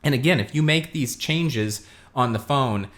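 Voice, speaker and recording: A man hosting a casual tech product review, talking through a demo in a relaxed way with many fillers. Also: mid-range voice, unhurried. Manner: relaxed, lots of fillers, talks while demonstrating.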